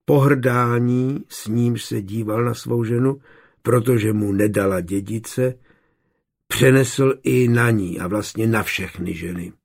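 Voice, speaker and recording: A man reading a historical novel aloud as a narrator, voicing the characters' dialogue lightly and keeping a measured storytelling pace. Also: medium pitch, gravelly. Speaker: audiobook narrator. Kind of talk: scripted narration.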